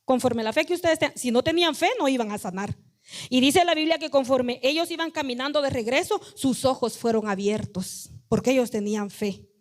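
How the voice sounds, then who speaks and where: A woman pastor preaches in a high, light voice. She tells Bible stories in a storytelling way and acts out the voices of the people in them. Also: brisk. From Guatemala. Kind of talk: sermon.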